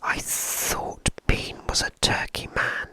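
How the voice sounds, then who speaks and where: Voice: takes it slowly, bright, forceful tone. A reader voicing an eager young female fox cub in an ASMR storybook, whispering close into the ear. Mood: curious.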